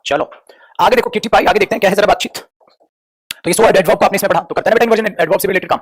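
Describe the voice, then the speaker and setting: A man's voice: sits high, racing. A man teaching an English grammar lesson to students, affectionate and coaxing, often calling them his children. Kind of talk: online classroom lesson.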